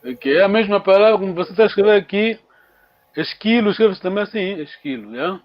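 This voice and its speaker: A language teacher with a slightly high voice leads an online lesson, patiently sounding out each word slowly and repeating it for students. The audio is muffled and lo-fi, as if over a call.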